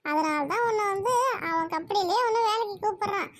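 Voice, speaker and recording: A woman's voice: extremely high pitch, fairly quick, a bit bright, no echo. A woman voicing a bossy middle-aged mother in a cartoon who scolds and fusses over her daughter's marriage. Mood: fussing. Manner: scolding, fussing. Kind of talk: cartoon voice acting.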